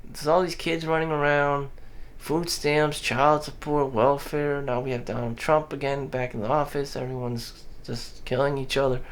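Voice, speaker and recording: A vlogger with a mid-range, fairly monotone voice speaks at a moderate pace in an audio-only recording. His personal monologue is blunt and rambling, packed with "you know," restarts and casual swearing.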